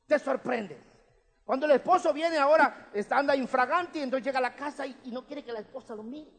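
High-voiced pastor in reverberant hall. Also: male voice, fairly quick, a bit bright. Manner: conversational preaching, checks in with listeners. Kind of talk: sermon.

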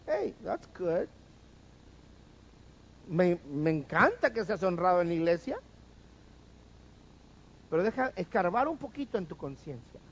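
A man's voice: sits high, lo-fi sound, slight background noise. A man preaching a sermon, firing rhetorical questions at the congregation and having them repeat after him.

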